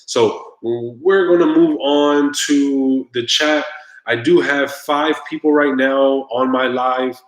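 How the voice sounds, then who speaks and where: A man's voice: mid-range voice, fairly even intonation, takes it slowly, roomy sound, rough recording. A man hosting his own live stream, chatting casually and straight to his viewers. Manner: laid-back, talks straight to viewers, groans at the drink.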